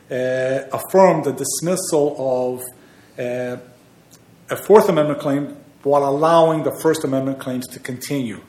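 A man's voice: mid-range voice, a little mellow. A man arguing a case as an attorney before an appeals court, earnest and emphatic. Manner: earnest, emphatic legal argument. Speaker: appellate attorney. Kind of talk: oral argument before a court. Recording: echoey courtroom.

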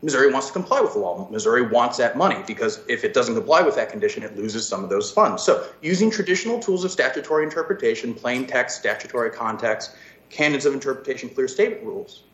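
Animated male attorney in an echoey room. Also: mid-range voice. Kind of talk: oral legal argument. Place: echoey room on a virtual hearing. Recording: echoey, dull video-call audio.

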